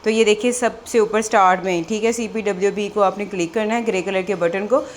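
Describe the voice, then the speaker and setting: A woman's voice: medium pitch, fairly even intonation, brisk, slight background noise. A woman exam prep teacher, talking through a screen walkthrough in a chatty way, repeating "theek hai" and "ye dekhiye" as she goes.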